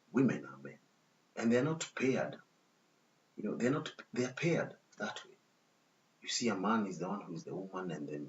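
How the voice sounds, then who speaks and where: A man reading a text aloud and breaking off into disapproving commentary, often checking in with "okay?" asides. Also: lowish voice. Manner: disapproving, lecturing tone. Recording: dull lo-fi recording with faint hiss.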